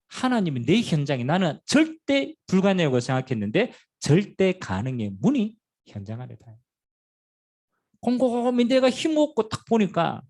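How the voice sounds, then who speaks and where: A middle-aged pastor preaches in a church with a gravelly, husky voice. His pitch jumps all over the place, and he swings between loud bursts and hushed asides. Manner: animated preaching with sudden loud and quiet swings. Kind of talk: sermon. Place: church sanctuary.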